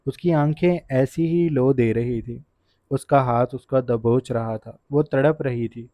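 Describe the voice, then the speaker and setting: A man's voice: mid-range voice, dark tone, no room sound. Man narrating a dramatic romance novel. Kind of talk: audiobook narration. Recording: dull, dry lo-fi recording.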